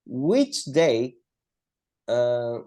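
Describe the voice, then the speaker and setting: A man's voice: mid-range voice, big pitch swings, extremely slow, darkish tone. A man teaching English comparatives in an online class, switching between languages and patiently repeating words for his students.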